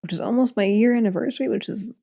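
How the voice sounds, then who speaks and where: A woman's voice: fairly high pitch, quick pace, creaky, dark tone, breathy edge. A woman hosting a podcast in a casual chat, laid-back and giggly. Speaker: podcast host.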